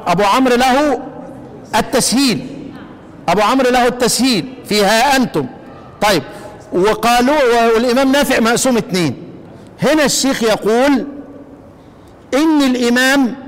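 A man with an Egyptian accent teaches a lesson. He asks the class questions, answers them himself, and chants the verses slowly. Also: very high voice, big-room sound. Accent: Egyptian Arabic. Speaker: Quran recitation teacher. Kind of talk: classroom lesson explaining a text.

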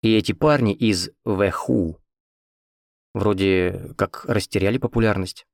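A man voicing a chatty, confiding male film producer in an audiobook, close to his own low voice. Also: a little slow, vocal fry, no room sound.

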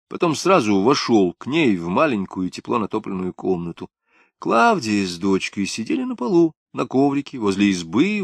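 A man calmly narrating a literary audiobook in a measured reading voice. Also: medium pitch, no echo.

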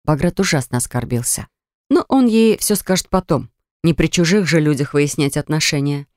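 A narrator reading a story aloud in an ironic, lively storytelling manner. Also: medium pitch, normal speed, no room sound, clean studio sound. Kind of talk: audiobook narration.

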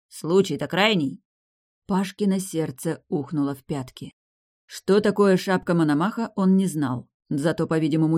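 A woman narrating an audiobook in a lively, expressive way. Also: low-pitched.

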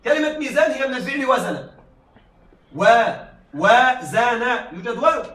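In an echoey room, with his voice coming from far off, a man teaching Arabic rhetoric lectures his class, going step by step and frequently making sure students are following. He sounds very high-pitched, sing-song, pushed and bright, at a normal speed.

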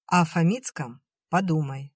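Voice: medium pitch, moderate pace, husky, no echo, studio quality, natural voice. A narrator voicing a firm, decisive young woman talking curtly with her sister in an audiobook reading. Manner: firm, curt.

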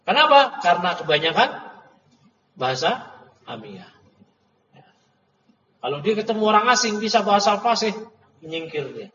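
A man giving a religious study lecture, explaining Arabic terms and paraphrasing them with lively asides. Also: sits high, moderate pace, pauses often, slight background noise. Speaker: Islamic teacher. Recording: roomy, distant, dull lecture audio.

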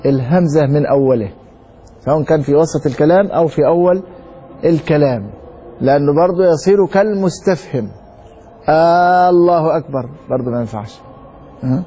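A man with an Egyptian Arabic accent teaching a religious lesson, reading a text slowly and then explaining it with rhetorical questions to his students. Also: a little high, expressive, warm tone, slight background noise. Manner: reads a text slowly, then comments quickly. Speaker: sheikh teaching Maliki law.

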